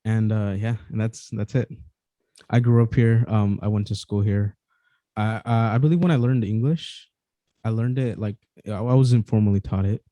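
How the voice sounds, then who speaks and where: A man from Mexico, talking casually on a podcast in a relaxed, hesitant way with many restarts. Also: fairly low pitch, moderate pace, dry recording.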